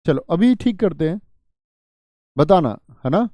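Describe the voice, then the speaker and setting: A man's voice: sits high, animated, unhurried, mellow, no echo, clean studio sound. A man teaching a live online exam-prep class, drilling students with repeated questions and joking as he reads their comments.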